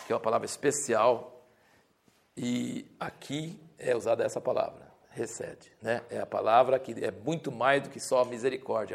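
Gravelly-voiced man teaching a Bible class. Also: medium pitch. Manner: conversational, explains terms, frequent restarts.

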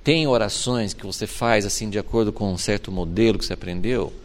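A male pastor giving a sermon, expressive, moving between hushed reflection and emphatic passages. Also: fairly low pitch, brisk.

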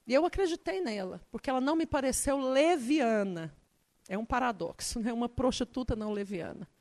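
A woman preaching a sermon, telling a personal story in an animated way, her voice rising when she gets excited. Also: fairly high pitch, no echo.

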